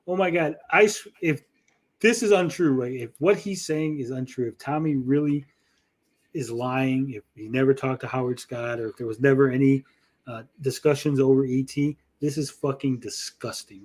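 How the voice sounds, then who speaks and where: A man's voice: mid-range voice, moderate pace. A man giving casual, profane commentary as a host, in a crude, emphatic, indignant way. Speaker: host commenting on a played recording.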